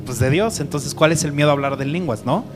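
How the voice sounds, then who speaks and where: Man, bible class teacher, fairly high voice, music behind. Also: quick pace. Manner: conversational, asks the group questions.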